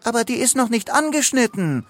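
A man voicing a timid, careful small animal sidekick in a storybook reading, soft and worried. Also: medium pitch, sing-song, a little slow.

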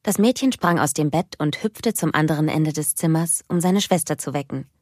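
A woman reading a children's storybook aloud in a calm, even storytelling manner. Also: low voice, normal speed, no room sound, clean studio sound. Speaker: narrator.

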